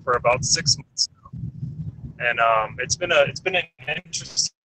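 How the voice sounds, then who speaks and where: A man's voice: mid-range voice, heavy background noise. A man calling into a talk show on a phone from his car while driving, rambling and restarting as he talks. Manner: rambling, halting, many restarts. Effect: phone call from a moving car. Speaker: caller. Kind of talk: call-in chat.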